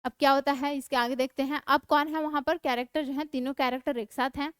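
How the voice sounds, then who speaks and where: A woman's voice: high voice, fairly even intonation, no room sound. A young woman with an Indian English accent, teaching a class and explaining a play line by line. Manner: reads lines slowly and loudly, then explains plainly.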